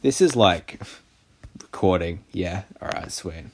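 A man commentating over a mobile game in a deep, unhurried voice. He swoops up and down in pitch as he mocks and jokes about everything in a sarcastic, crude way. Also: lively intonation, a little hiss or hum. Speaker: gaming channel host. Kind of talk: casual gameplay commentary.

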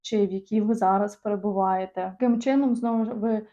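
A patient woman from Ukraine teaching English online, stretching out her example phrases. Her voice sits at a middle pitch and comes through a dull, muffled lo-fi recording. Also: fairly even intonation, brisk, warm tone. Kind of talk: online language lesson.

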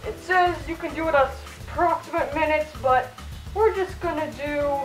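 A woman with a high voice talks through a playful cooking tutorial, chatty and mock-serious. She is in a home kitchen, her voice a little muffled by a costume head. The room echoes and soft music plays underneath. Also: normal speed. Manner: jokey, chatty, mock-instructional. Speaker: channel host cooking in fursuit.

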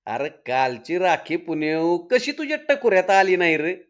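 A man's voice: high-pitched, very animated, normal speed, highs cut off. A storyteller voicing a teasing young village man who mocks his friend. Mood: mocking. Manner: laughing, mocking.

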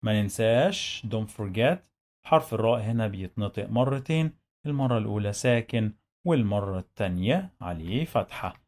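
A man's voice: lowish voice, lively intonation, normal speed, a little mellow. A man with an Egyptian Arabic accent teaching reading, sounding out each word syllable by syllable, repeating it, and then explaining briefly in English. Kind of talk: slow syllable-by-syllable reading lesson.

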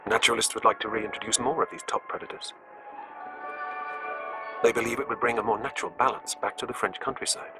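A man's voice: medium pitch, steady tone, fast talker, long pauses. British man narrating a nature documentary over music.

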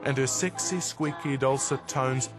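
A man's voice: mid-range voice, a little slow, over loud music. A man giving wry, tongue-in-cheek scripted narration for a mock documentary.

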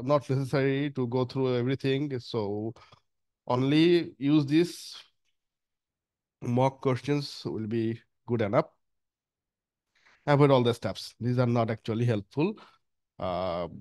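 A man's voice: mid-range voice, darkish tone, no echo, clean studio sound. A man with a Bangladeshi English accent teaching an exam prep course over a screen share, talking casually and often saying "uh" and "actually". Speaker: course instructor.

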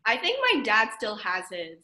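A woman's voice: medium pitch, very animated, moderate pace, pushed and bright, rough recording. A young woman, a student athlete, chatting casually with lots of fillers. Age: young adult. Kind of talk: casual chat.

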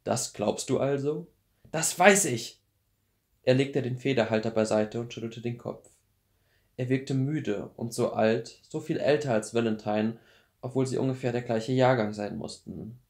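A man in his twenties calmly reading a novel aloud as a bedtime audiobook. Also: mid-range voice, normal speed. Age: 20s. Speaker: audiobook reader.

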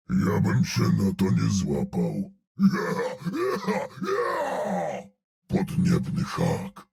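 Playing a massive, gruff brute in a video game, an actor growls out clipped battle callouts and dry sardonic lines. It's a full character voice, gravelly yet mellow and very deep.

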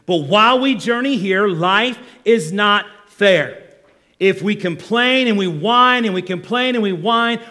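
A male pastor preaching a sermon, animated and acting out the voices of complainers. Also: high voice.

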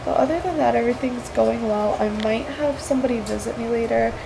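Young woman vlogger, post-surgery, sore and sleepy, slightly high voice, rambling casual updates. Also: brisk, creaky, noisy background. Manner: tired, low-key, rambling. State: stuffy, sore after nose surgery. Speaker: vlogger recovering from nose surgery. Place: at home indoors.

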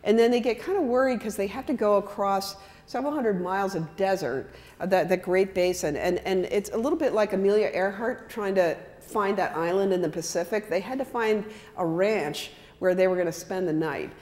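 A woman's voice: medium pitch, brisk. A woman in her sixties giving an illustrated talk into a handheld microphone in a large hall, chatting with the audience and using many fillers. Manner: conversational, animated with hand gestures, many fillers. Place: large hall with wooden floor. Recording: long hall reverb.

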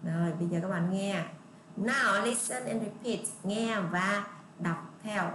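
A woman teacher with a Southern Vietnamese accent, patiently explaining English words to young children and repeating model sentences slowly. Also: medium pitch, fairly bright tone. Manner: patient, repetitive, drawn-out model readings. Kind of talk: online lesson explaining English pronunciation. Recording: echoey room with faint ambient noise.

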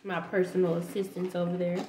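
A woman's voice: fairly low pitch, flat delivery, a little fast, a little mellow. A young adult woman giving a casual, playful taste-test chat to camera with informal banter, recorded indoors at home. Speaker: vlog host. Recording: echoey room with faint noise, handling clicks.

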